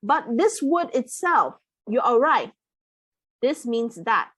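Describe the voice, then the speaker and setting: Brief: woman language tutor on a video call, slow and patient, lively pitch, dry close sound. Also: husky, no room sound. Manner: patient, repeats words and checks with "okay?". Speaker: online Mandarin tutor. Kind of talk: live online language lesson.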